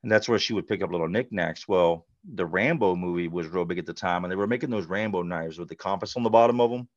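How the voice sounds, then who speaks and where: Speaking low and fast, this North Carolina man in middle age candidly recounts his life on a podcast, peppering his frank talk with "like" and "you know." The sound is dry, dull and lo-fi.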